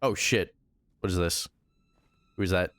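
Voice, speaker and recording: A man's voice: deep voice, unhurried, a bit bright, faint music behind. A man giving casual, sweary reaction commentary as a streamer, with incredulous asides.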